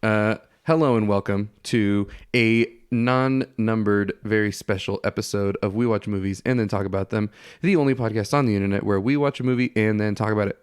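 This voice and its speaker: Low-voiced man with a stuffy, congested nose. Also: smooth, dry recording, studio quality. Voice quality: nasal, congested. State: head cold, blocked nose. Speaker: podcast host. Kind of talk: casual podcast hosting.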